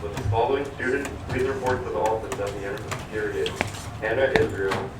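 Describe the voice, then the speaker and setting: A man's voice: fairly low pitch, brisk. Man's voice over a school intercom. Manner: steady, even reading of names and notices. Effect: over a school intercom loudspeaker. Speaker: school announcer. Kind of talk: reading morning announcements. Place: classroom hearing the intercom. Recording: echoey loudspeaker heard from far off with background noise.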